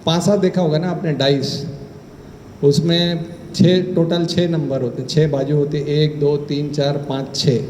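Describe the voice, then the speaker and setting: A man giving a Hindi scripture talk in a temple hall, telling personal stories and acting out the dialogue with lively energy. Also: on the high side, unhurried, slight background noise. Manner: animated storyteller who acts out dialogue. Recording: echoey hall with faint ambience.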